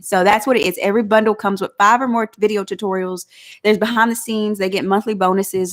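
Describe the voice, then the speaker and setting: Chatty woman with a country drawl. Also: medium pitch. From Southeast Oklahoma. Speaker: vlog host. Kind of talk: casual live chat.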